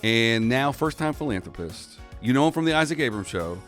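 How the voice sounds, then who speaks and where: A young man hosting a podcast, opening with an upbeat intro and then talking in relaxed banter with his guest. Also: mid-range voice, brisk, faint music behind. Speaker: podcast host. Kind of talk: casual podcast chat.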